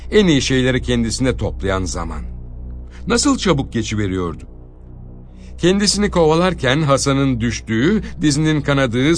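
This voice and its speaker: Expressive male storyteller. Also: medium pitch. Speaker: narrator. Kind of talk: audiobook story reading.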